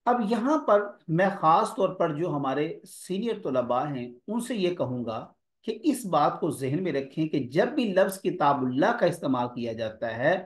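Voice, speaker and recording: Man lecturing students in an echoey room. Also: a little high. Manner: explanatory, addresses students directly. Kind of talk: academic lecture.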